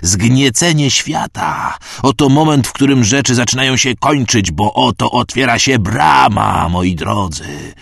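A croaking, inhuman priest with a burnt face proclaims his dark sermon, drawn-out and louder than the narration around him, as a male narrator puts him on. The voice is hoarse and dry, with no room around it. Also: mid-range voice, dry recording, pitched above the performer's own voice. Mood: ecstatic.

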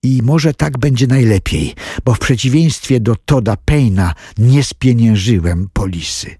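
A man reading the part of an ordinary man caught in a crowd disaster, shouting in panic, in a husky voice. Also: medium pitch, a little slow, no echo, clean studio sound. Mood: despairing thoughts.

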